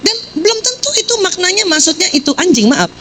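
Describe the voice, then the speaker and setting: Animated middle-aged woman seminar speaker. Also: very high voice, quick pace, a little hiss or hum, low-quality recording. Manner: playful and joking, quizzes the audience. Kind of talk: lively seminar talk to an audience.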